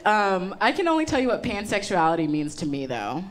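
Her voice mid-range, sing-song, and brisk, a young comedian delivers chatty punchlines full of ums into a handheld mic. The live show captures loud audience laughter throughout.

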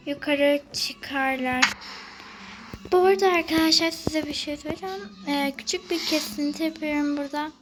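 A woman's voice: high voice, fairly even intonation, fast talker, hardly any pauses, over music, rough recording. A woman who is sick and sounds it, stepping out of her game role-play to speak to viewers in a chatty, apologetic way. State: sick, voice affected by illness. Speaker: gaming YouTuber.

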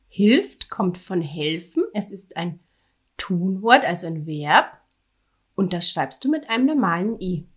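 A woman teacher giving a spelling dictation to children, articulating each word clearly and adding encouraging praise. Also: fairly low pitch.

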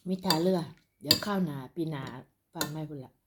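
Eating as she talks, a mukbang vlogger from Thailand's northeast chats casually with her followers in an Isan accent. She has a deep voice and talks fast, and the recording is very noisy.

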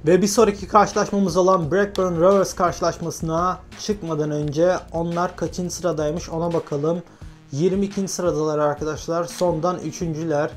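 A young man from Turkey giving lively, self-talking commentary while playing a football video game, urging on his players. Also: fairly high pitch, moderate pace, faint music behind. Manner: animated, talks to himself and his players, frequent laughs. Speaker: gaming YouTuber. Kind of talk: excited gameplay commentary.

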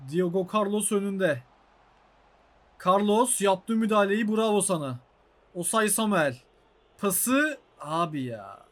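A young Turkish man calls the action of a football video game in his own channel's let's-play. His voice sits high for a man, and he swings between quick match calls and exasperated outbursts at the game. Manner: excitable, frustrated outbursts at the game. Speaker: gaming YouTuber.

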